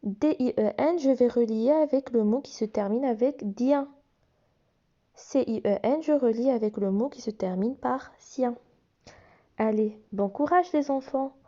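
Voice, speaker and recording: A mellow, slightly high-voiced woman takes an unhurried pace explaining phonics workbook exercises to young children. She patiently spells out the letters and their sounds, though the recording is muffled.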